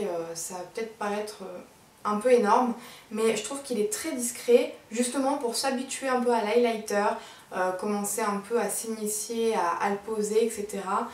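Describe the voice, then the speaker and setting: Woman beauty vlogger, fairly high pitch, chatty and keen with lots of fillers; distant camera in an echoey home room. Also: a little mellow. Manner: chatty and enthusiastic, hesitant with fillers. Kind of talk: casual monthly favorites review. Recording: roomy sound from a distance.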